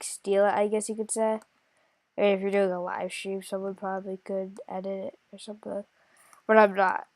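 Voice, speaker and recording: A woman's voice: medium pitch, smooth, no room sound. A woman with a stuffy nose from a cold, thinking aloud and correcting herself as she walks through a casual game tutorial. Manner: thinks aloud, hesitant, many pauses and self-corrections. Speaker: gaming tutorial creator. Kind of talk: casual screen-recorded game walkthrough.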